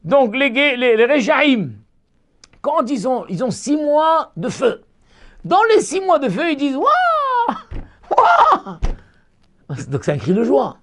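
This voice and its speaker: A man teaching as a rabbi, telling a story with lively delivery and acted-out cries. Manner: animated storytelling, acting out cries with sudden high shouts. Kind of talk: Torah lesson.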